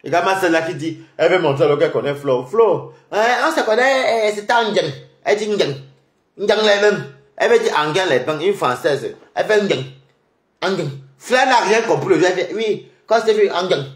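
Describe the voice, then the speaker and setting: The young man's voice is high with lively intonation as he rants heatedly on his livestream. His delivery is rapid-fire, taunting and mocking, and the room echoes.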